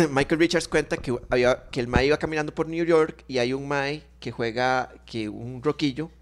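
A young man with a Costa Rican accent rambles through an anecdote in a relaxed podcast chat. He restarts his sentences and fills the gaps with little sound effects as he goes. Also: mid-range voice, moderate pace. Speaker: podcast co-host. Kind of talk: casual chat.

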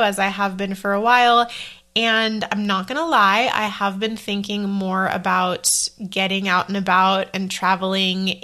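Bright-voiced chatty woman podcaster. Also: medium pitch. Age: 30s. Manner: chatty and rambling, quick self-corrections. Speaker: podcast host. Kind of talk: casual solo podcast chat.

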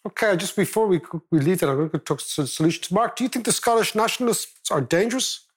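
Irish man interviewing in a higher-pitched voice. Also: expressive, quick pace. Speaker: podcast host. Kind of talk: conversational interviewing.

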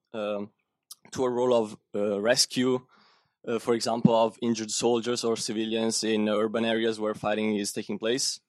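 A man from Italy asks a question from a seminar audience, hesitant with many ums. He speaks in a flat, even tone, recorded dry. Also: medium pitch, no room sound. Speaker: audience member asking a question.

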